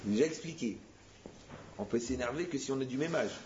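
A man, a rabbi, giving a lively spoken teaching, telling stories and acting out the dialogues in a direct, teasing way. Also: medium pitch, a little fast, slight background noise. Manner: animated storyteller, acts out dialogues, direct and teasing. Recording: echoey muffled room recording.

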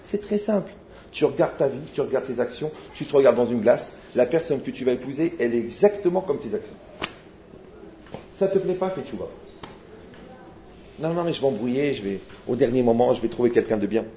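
A man, a rabbi, giving a lively sermon full of anecdotes, acting out dialogues and rising to near shouts. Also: mid-range voice, fairly quick. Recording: roomy, dull lo-fi sound with faint noise.

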